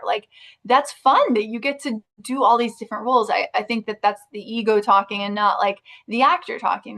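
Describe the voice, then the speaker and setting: A woman's voice: mid-range voice, a bit bright. A woman, an actress, talking about her work in a casual interview, in a chatty way with many restarts. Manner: chatty, frequent restarts and fillers like "like".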